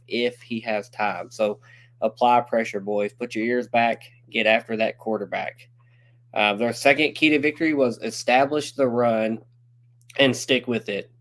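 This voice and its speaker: A man co-hosting a sports podcast, talking in a steady, organized way as he leads the segments. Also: medium pitch. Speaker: podcast co-host. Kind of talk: casual sports talk.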